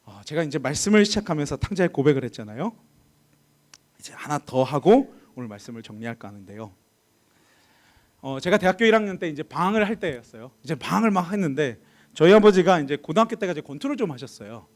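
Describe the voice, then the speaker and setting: A young man preaching a sermon in a church service, telling a personal story and acting out the people in it, swinging between shouts and whispers. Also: a little high, sing-song, quick pace.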